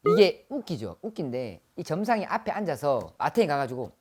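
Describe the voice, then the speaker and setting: A young man speaks as a shaman, quick and emphatic, demonstrating what he describes. His voice swings widely in pitch, with a lot of movement in every phrase. He stays animated throughout. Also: slight background noise. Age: young adult. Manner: emphatic, demonstrative, acts out examples. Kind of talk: animated explanatory talk.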